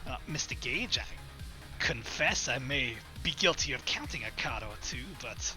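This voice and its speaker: A man voicing a smooth-talking wealthy male casino host who speaks with formal courtesy. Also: mid-range voice, animated, moderate pace, bright, forceful tone, faint music behind, rough recording. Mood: evasive.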